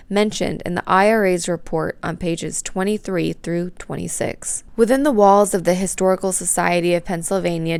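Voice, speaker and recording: A woman delivers scripted narration for an investigative news piece. Her voice sits on the low side with a noticeable creaky edge. The sound is dry and close, with no room around it. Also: no echo. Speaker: reporter narrator.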